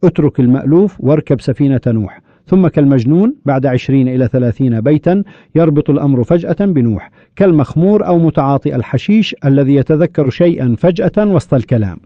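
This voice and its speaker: A man speaks quickly and keeps acting out the lines he quotes. His voice is dry and close, with a narrow, phone-like sound. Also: fairly high pitch, no room sound. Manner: animated, acts out the quoted dialogue. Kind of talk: fast-paced commentary on a Sufi poem.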